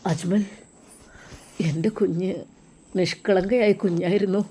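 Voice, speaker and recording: Woman doing a hushed, tearful old father. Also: slow pace, creaky, slightly rough, heavily acted. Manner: low, hushed, choked delivery.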